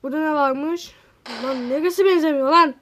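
A woman hosting a gaming channel, giving casual, excitable gameplay commentary, talking straight to her viewers and exclaiming at other players. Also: high-pitched, moderate pace, slight background noise.

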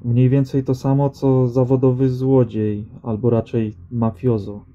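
A man's voice: mid-range voice, flat delivery, a little slow, dark tone, close to an everyday voice. A man voicing a weary young male refugee who gives short, reserved replies. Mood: wary. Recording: slightly dull audio with faint music.

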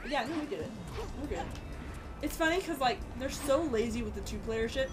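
A woman's voice: sits high, lively intonation, a little fast. A young woman chatting casually while she plays a video game, swearing and laughing often and exclaiming at what happens on screen. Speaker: gamer. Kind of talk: casual chat while playing.

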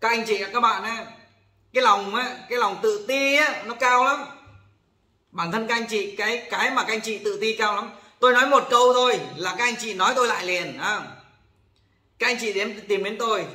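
Male host, high bright voice, blunt scolding rant full of swearing, echoey room. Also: brisk. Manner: acts out callers in quoted exchanges. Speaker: channel host warning about loan scams. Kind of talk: ranting monologue to viewers.

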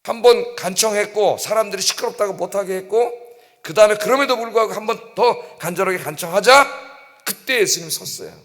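A middle-aged pastor delivers a dawn service sermon in a fairly high, brisk, slightly bright voice. He is emphatic, keeps prompting the congregation and acts out quoted cries. The church sanctuary gives his voice a long, ringing reverb.

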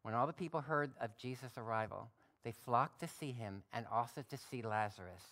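A male pastor giving a sermon, reading scripture aloud and adding relaxed, folksy asides. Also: medium pitch. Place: church.

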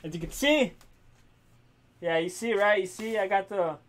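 Young male gaming YouTuber, high voice, loud and hyped, talking through a costume helmet. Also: normal speed. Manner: hyped, yelling at the game. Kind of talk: excited gameplay commentary. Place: indoors, speaking from inside a costume helmet.

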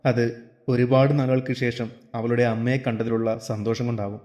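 A calm, detached elderly father, as a male narrator voices him, speaking evenly in a storybook tale. His voice is at a plain middle pitch. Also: a little fast, lightly acted.

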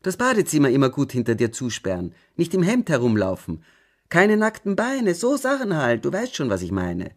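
Stern mom snapping curt cold warnings, man doing her voice in an audiobook, higher and louder. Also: huge pitch swings, fairly quick, gravelly, few pauses, full character voice. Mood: sharp warning. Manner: sharp, cold, clipped warnings. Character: stern, curt working-class mother, middle-aged woman. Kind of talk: audiobook reading.

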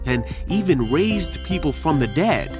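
A man's voice: fairly high pitch, sing-song, measured pace, loud music behind the voice. A man narrating a children's Bible cartoon in a storybook manner. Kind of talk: scripted narration.

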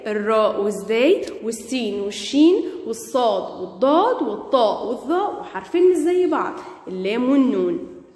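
Egyptian woman, primary teacher, animated and questioning, echoey reverberant room. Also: fairly high pitch, fairly quick. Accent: Egyptian Arabic. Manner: lively, questioning, praising pupils. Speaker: primary school Arabic teacher. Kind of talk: classroom grammar lesson.

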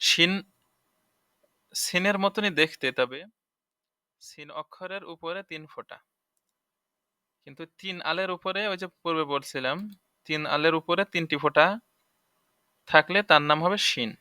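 A man teaching Arabic letters and their sounds, speaking in a Bangladeshi Bengali accent. He explains slowly, drills each letter's sounds aloud, and asks now and then whether his listeners have understood. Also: on the high side, pushed and bright, smooth, no room sound. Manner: asks "okay?" to check understanding. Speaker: Quran reading teacher. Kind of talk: spoken lesson.

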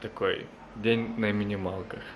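A man's voice: lowish voice, level tone, a little slow. A man in his twenties chatting casually to the camera as a vlogger in an apartment room. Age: 20s. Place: small apartment room, indoors. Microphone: camera at arm's length. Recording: noisy handheld camera audio, room ambience.

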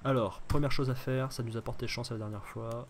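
A man's voice: medium pitch, fairly even intonation, fairly quick, a little hiss or hum. A man with a French accent giving casual, joking gameplay commentary as a streamer, thinking aloud as he plays. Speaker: gaming streamer.

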